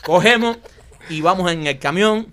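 A man's voice: high-pitched, moderate pace, fairly bright tone, slight background noise. A man telling a funny story in casual chat, acting out the quotes and laughing often.

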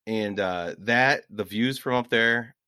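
A man's voice: on the low side, slow pace, sharp tone, smooth, no room sound, clean studio sound. A man co-hosting a podcast, telling rambling travel stories in casual chat and laughing at his own anecdotes. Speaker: podcast co-host.

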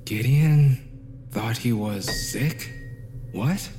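A woman acting a steady, urging companion to the wounded in an audio drama. The voice is extremely low and unhurried, with clear ambient noise behind it. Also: heavily acted. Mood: low, probing. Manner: urging, reassuring. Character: steady, urgent companion helping a wounded friend.

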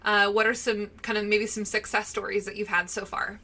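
A woman's voice: mid-range voice, little pitch movement, fairly quick, sharp tone. A woman hosting an interview, chatty and upbeat, asking long rambling questions. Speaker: interviewer, host.

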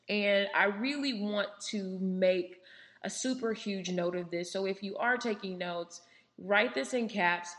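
A woman talks through her solo podcast in a candid, conversational way, full of fillers and little asides. Her voice sits at a middle pitch and carries the ring of a roomy, echoing space. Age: 30s. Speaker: podcast host. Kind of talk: casual solo podcast monologue. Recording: roomy echo.

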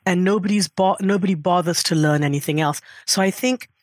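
A woman's voice: on the low side, brisk, no echo, clean studio sound. A middle-aged woman in earnest, reflective conversation, with frequent asides. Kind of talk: conversational interview.

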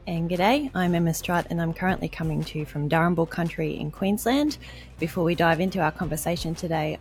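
A woman with an Australian accent, reading a scripted podcast introduction clearly and evenly as co-host. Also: sits low.

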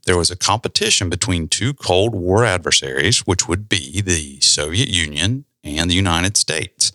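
A man hosting a podcast, explaining a topic in a relaxed, conversational way with side remarks. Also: deep voice, no echo, clean studio sound. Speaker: podcast host. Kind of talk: casual explanatory talk.

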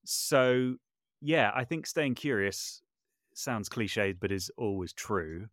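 A man with a lowish, fairly bright voice and lively intonation speaks slowly in a dry, studio-quality recording. A podcast guest who makes audio dramas and composes, he talks reflectively and thoughtfully, often hedging or correcting himself.

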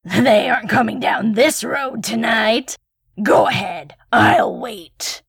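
Brief: woman voicing a male road monster in a horror story, gravelly and breathy, slow gloating drawl, giggles between lines. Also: a little high, no echo, clean studio sound, pitched above the performer's own voice, full character voice. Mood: mocking.

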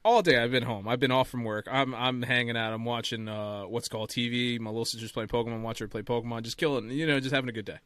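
A man chatting casually on a podcast call, telling an animated story and laughing as he talks. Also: mid-range voice, fast talker, hardly any pauses, smooth, no room sound. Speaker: podcast co-host. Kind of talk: casual chat.

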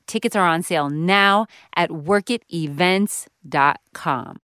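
A woman co-hosting a radio podcast, reading a brisk, upbeat scripted promo. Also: lowish voice, fairly bright tone, clean tone, no echo, clean studio sound. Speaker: podcast co-host. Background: music bed.

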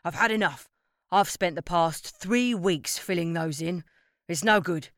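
A woman voicing a grumpy old male neighbour who complains loudly and grumbles. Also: fairly low pitch, unhurried, no echo, studio quality. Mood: fed up.

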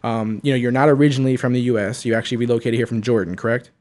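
A man's voice: medium pitch, fairly even intonation, racing, a little mellow. A man hosting a casual interview, asking rambling questions full of fillers. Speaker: podcast host.

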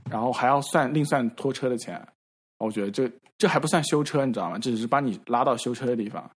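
A man on a podcast, casually telling a story in halting repeats and acting out the quoted dialogue. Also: medium pitch, husky. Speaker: podcast regular. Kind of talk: casual chat.

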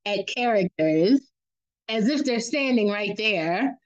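A woman in easy conversation with her family, teasing and laughing between stories. She mimics other people in a higher voice. The recording sounds a little muffled and dull. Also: takes it slowly. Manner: animated, laughing storyteller who acts out quotes in a raised voice. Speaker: podcast guest, mother. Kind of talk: casual family chat.

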